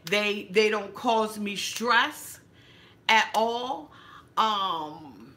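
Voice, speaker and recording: A woman's voice: mid-range voice, extremely slow, pushed and bright. A woman hosting her own channel in a casual livestream monologue, talking emphatically while she decorates a tree, repeating herself for weight and cursing freely. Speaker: YouTube channel host.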